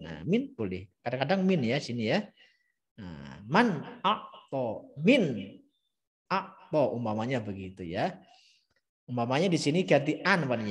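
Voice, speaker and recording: A middle-aged man teaches recitation at an unhurried pace. His voice sits a little high and swings widely in pitch as he stretches out the words he chants for his pupils. He keeps repeating the key terms as he explains each rule. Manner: models recitation in slow, drawn-out chanting. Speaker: Quran teacher. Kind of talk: live-streamed recitation lesson.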